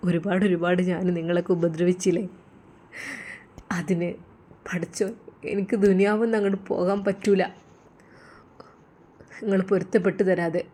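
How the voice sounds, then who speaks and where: A woman voicing a remorseful, tearful old man, pleading in a hushed voice as a storyteller. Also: medium pitch, moderate pace, pauses often, close to an everyday voice. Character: remorseful old man, weeping, face burned.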